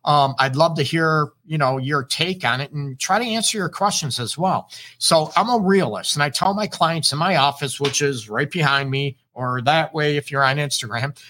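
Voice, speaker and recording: A man's voice: a little high, normal speed, few pauses, sharp tone. A middle-aged man from the United States, a relationship therapist, hosting a casual live advice show and greeting viewers by name between many fillers. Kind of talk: live-stream advice talk.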